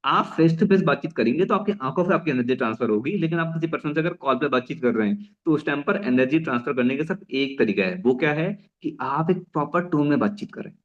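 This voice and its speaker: A young man giving an energetic network marketing talk, often restarting phrases and mixing in English. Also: fairly high pitch, quick pace, hardly any pauses, lo-fi sound. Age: young adult. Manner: mixes English phrases into Hindi. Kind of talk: motivational business talk.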